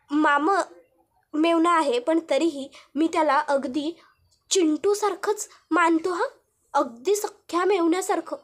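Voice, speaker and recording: A woman voicing a sly male villain from a TV serial, who taunts his victim in a mocking sing-song. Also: extremely high pitch.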